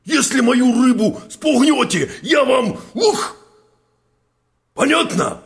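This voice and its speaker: A man voicing a greedy, bossy male bear in a storybook tale, with a gravelly, blustering drawl. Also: very high voice, expressive, slow, voice pushed up, heavily acted. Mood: bellowing. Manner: blustering, demanding, shouts. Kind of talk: storybook narration.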